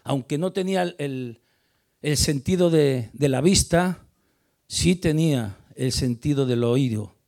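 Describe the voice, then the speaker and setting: A man delivering a sermon, his voice gravelly with fry and pitched a little high. He talks emphatically, rising to loud stressed words and sinking quiet again. He often stumbles and repeats words as he restarts a phrase. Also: unhurried. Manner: emphatic, builds to loud stressed peaks then drops quiet. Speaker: preacher. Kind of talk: sermon on a Bible passage.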